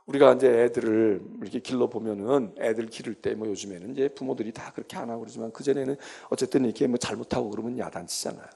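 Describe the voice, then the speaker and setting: A male pastor giving a Bible lecture sermon, acting out prayers and children's pleas in a lively way. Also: mid-range voice, fast talker, vocal fry, hardly any pauses, breathy edge.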